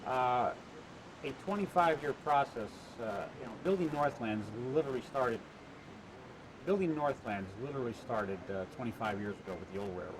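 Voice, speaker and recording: A man answering interview questions about the attraction he built, halting with many "uh" fillers and restarts, heard on a worn tape copy. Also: medium pitch, lively intonation, background noise. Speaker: attraction owner being interviewed.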